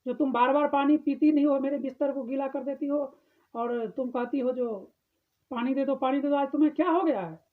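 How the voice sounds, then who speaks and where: A grown son , voiced by a male preacher, pleads straight to his mother. The voice is high. The sound is narrow and phone-like. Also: fairly even intonation, measured pace, pauses often. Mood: angry. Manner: pleading, direct address to mother. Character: grown son, impatient then humbled.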